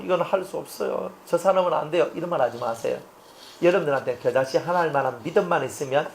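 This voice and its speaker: A man's voice: a little high, echoey room. A male pastor, preaching an expository sermon and acting out the scenes as he tells them. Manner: animated storytelling, acting out scenes.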